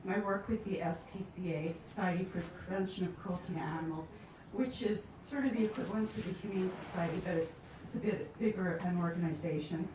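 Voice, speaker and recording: A woman's voice: lowish voice, fast, background noise. A woman poet from Canada, chatting with a live audience and telling stories with light humor before reading her work. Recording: echoey room, distant mic, faint ambience.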